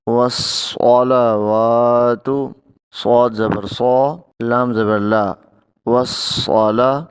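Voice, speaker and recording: A man teaching recitation pronunciation, slowly drawing out each syllable and then explaining the rule in quicker speech. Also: on the low side, clear, resonant tone. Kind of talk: tajweed pronunciation lesson.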